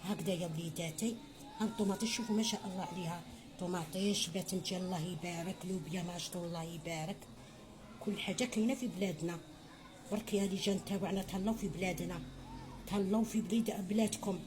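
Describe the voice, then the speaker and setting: A lowish, fast-talking female voice belongs to a middle-aged home cook with an Algerian Arabic accent leading a cooking tutorial. She chats in a motherly way, calls her viewers her children, and tosses in blessings.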